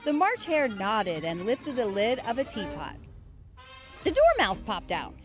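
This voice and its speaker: A woman news anchor narrating a children's story aloud in an expressive read-aloud manner. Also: on the high side, a little slow, over music.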